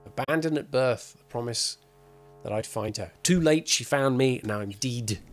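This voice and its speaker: A man's voice: medium pitch, normal speed, faint music behind. A man streaming a game, chatting casually and reading in-game texts aloud in a playful, hammy dramatic way.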